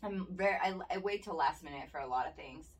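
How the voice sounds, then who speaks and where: Casting: young woman, lower-pitched, giggly rambling co-host, recorded from a distance. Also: fast talker. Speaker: podcast co-host. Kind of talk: casual chat.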